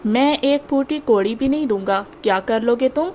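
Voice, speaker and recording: A woman's voice: fairly high pitch, mellow, a little hiss or hum, lightly acted. A woman doing a cold, arrogant rich man. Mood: menacing.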